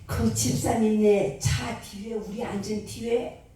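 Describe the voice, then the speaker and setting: A scared little girl pleads anxiously, as an older woman preacher quotes her, the mellow voice heard from afar in a very echoey hall. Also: mid-range voice, fairly even intonation, slow, distant mic, close to an everyday voice. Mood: frightened. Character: frightened little girl, young granddaughter.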